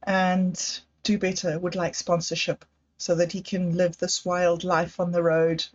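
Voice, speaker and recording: In a casual livestream monologue, a female host with a fairly low, flat-sounding voice talks unhurriedly about her projects, hesitant and doubting herself. The audio is lo-fi and a bit dull.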